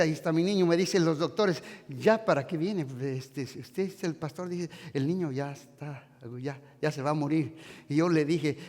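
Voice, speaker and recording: Man preaching, high voice, fervent, shouts then hushed, long church reverb. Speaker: pastor. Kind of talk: sermon.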